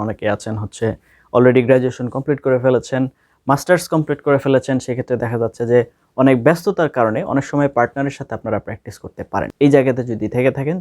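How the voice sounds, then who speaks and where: A man's voice: mid-range voice, darkish tone, no room sound, studio quality. A man with a Bangladeshi accent teaching an English speaking lesson, explaining step by step and repeating key words for stress. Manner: reads practice lines very slowly and carefully. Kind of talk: spoken language lesson.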